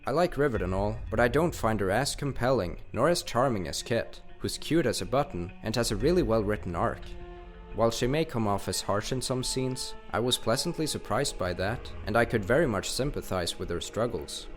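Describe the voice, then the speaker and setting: A man's voice: medium pitch, lively intonation, moderate pace, soft background music. A man narrating a scripted countdown of favorite video game characters, enthusiastic with casual slang.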